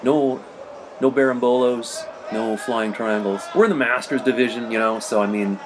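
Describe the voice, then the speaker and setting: A man's voice: medium pitch, moderate pace, background noise. A middle-aged man casually narrating footage of his own match, rambling and conversational with lots of "you know". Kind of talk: casual narrated commentary over video.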